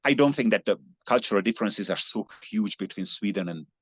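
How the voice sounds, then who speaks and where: A man's voice: fairly low pitch, animated, fairly quick, no echo. A Hungarian man, a native Hungarian speaker, talking earnestly in an interview, often restarting his sentences. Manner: earnest, many restarts and fillers. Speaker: guest, long-distance cyclist. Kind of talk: conversational interview. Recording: slightly dull lo-fi sound.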